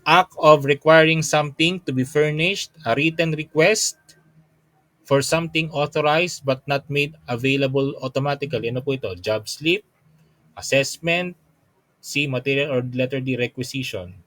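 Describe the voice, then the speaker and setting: A man's voice: a little high, moderate pace, a bit bright, dry recording. A young adult Filipino man teaching a review class. He reads quiz items aloud, then quizzes listeners with frequent tag questions, politely mixing English and Tagalog. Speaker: teacher reviewing for a licensure exam. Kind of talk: online review lecture.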